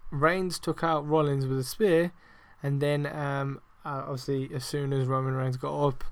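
A man hosts a laid-back wrestling review podcast in a mid-range voice at normal speed. He rambles with plenty of fillers, swears a lot, and gets excitable and emphatic.

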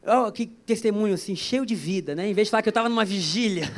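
A man with a strikingly high voice preaches a relaxed, conversational sermon. He jokes with the congregation and slips into storytelling as he goes. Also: quick pace. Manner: chatty, joking, storytelling. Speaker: pastor. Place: church service.

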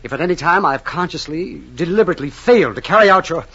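Radio drama: put-upon office manager, husky, lively voice. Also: male voice, fairly high pitch, fast, heavily acted. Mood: defensive. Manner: defensive, earnest. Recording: dull lo-fi old radio recording.

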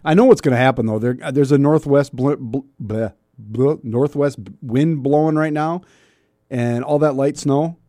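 A man's voice: medium pitch, normal speed, warm tone, dry recording. A male talk radio host chats casually in a mid-range voice. He grumbles wryly and tosses out rhetorical questions. The sound is close and dry.

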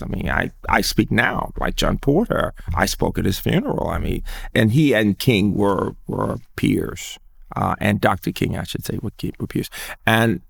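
Gravelly older man reminiscing. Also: on the low side. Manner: earnest storyteller, thoughtful and emphatic. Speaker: guest, educator. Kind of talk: recounting memories in conversation.

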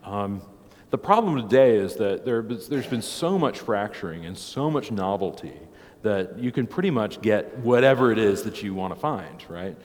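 Low-voiced preacher in cathedral echo. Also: male voice, expressive, normal speed, a little mellow. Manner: conversational, tags many points with "right?". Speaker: preacher teaching a catechism class. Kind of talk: informal church class teaching, opening with prayer.

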